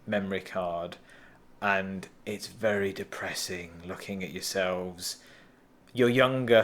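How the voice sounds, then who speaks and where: A man hosting a travel vlog, chatting casually at night in a room with a dry, teasing humor. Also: fairly low pitch. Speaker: vlogger host. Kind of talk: casual chat.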